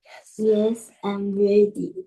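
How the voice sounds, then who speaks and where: A woman's voice: medium pitch, completely flat delivery, slow pace, poor audio. A woman student answering briefly and hesitantly in an English lesson. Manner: terse, hesitant, quiet.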